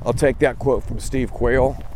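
A man records his podcast on a phone instead of in a studio. He speaks at an ordinary pitch and rambles, stopping and restarting often. Wind and passing vehicles are clearly heard throughout the recording. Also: fairly even intonation. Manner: rambling, halting with frequent fillers and restarts. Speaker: podcast host. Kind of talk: casual spoken monologue.

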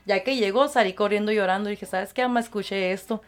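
A woman, a guest recounting her experiences and acting out the voices of others in lively conversation. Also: mid-range voice, quick pace. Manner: animated, acts out quoted voices, laughs easily. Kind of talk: storytelling in conversation.

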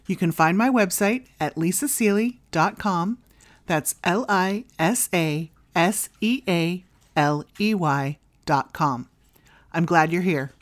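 A woman with a somewhat low voice presents a solo advice podcast. She reads from a script in a tidy, instructional manner. Her guidance comes as short, clear directives. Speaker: podcast host.

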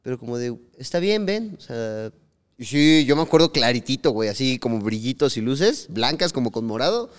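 A man's voice: medium pitch, lively intonation, fairly quick, clear, resonant tone, long reverb tail. A young man with a Mexican accent, co-hosting a podcast and telling a story in casual, slangy chat, acting out what people said. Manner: slangy storytelling, acts out quotes. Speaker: podcast co-host.

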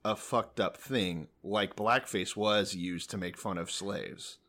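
A man's voice: on the low side, slow, fairly bright tone. A man chatting casually as a comedy podcast co-host, teasing and swearing freely. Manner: profane, teasing.

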